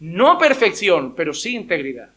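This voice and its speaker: A man's voice: high voice, huge pitch swings, moderate pace, bright, forceful tone. A male pastor preaching a sermon in a church, emphatic, with rhetorical questions and voices acted out as quotes.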